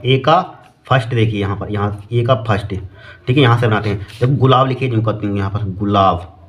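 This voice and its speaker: A man teaching an exam-prep lesson who keeps asking and answering his own questions. He reads English exam questions aloud slowly, word by word. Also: mid-range voice. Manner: repeats "here" and "okay" constantly, asks and answers his own questions.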